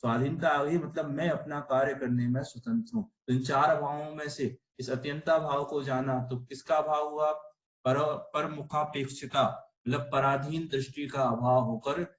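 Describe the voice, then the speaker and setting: A man's voice: on the high side, fairly even intonation, moderate pace, reverberant, muffled recording. A man teaching an online religious philosophy class, explaining patiently and asking rhetorical questions. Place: online video call class.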